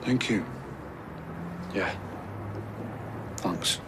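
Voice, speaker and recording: An actor playing a dutiful, grieving son in a TV soap, subdued and terse. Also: male voice, drawn-out words. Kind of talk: television soap drama. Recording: clear street and vehicle noise.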